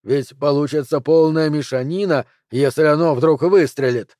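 A man reading an audiobook, voicing a calm and polite [name] impersonator who speaks gently. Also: a little high, normal speed, no room sound, studio quality, natural voice. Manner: gentle, courteous.

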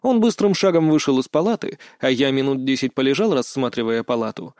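A man's voice: mid-range voice, fairly quick, a little mellow, no room sound. Man reading an audiobook, dry. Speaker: narrator. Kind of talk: first-person audiobook narration.

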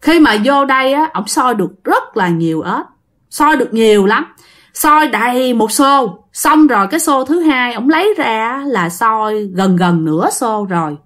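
A woman's voice: fairly high pitch, expressive, measured pace, a bit bright. Chatty Southern Vietnamese woman storyteller. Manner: chatty, often addressing listeners. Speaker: ghost story channel host. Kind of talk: storytelling narration.

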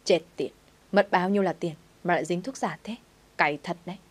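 A woman's voice: fairly low pitch, steady tone, brisk, natural voice. Woman reading as a spiteful young schemer. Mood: scheming.

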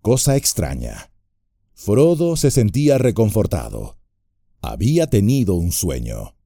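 A man with a low, very dark and mellow voice reads a fantasy audiobook. His narration is measured and expressive, and his delivery rises and falls with lively pitch. The sound is close and dry. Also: no echo.

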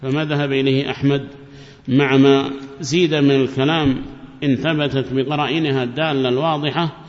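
A man's voice: medium pitch, flat delivery, fairly quick. Man teaching in an echoey hall. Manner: repeats key phrases, explanatory. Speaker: religious teacher. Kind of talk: classroom lecture on Quranic rulings. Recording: dull, echoey lecture recording.

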